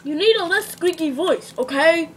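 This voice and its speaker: A woman's voice: extremely high pitch, animated, moderate pace. Giggly bossy girl directing toys. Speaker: home video maker directing toys. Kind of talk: playful home video directing. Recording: noisy home video.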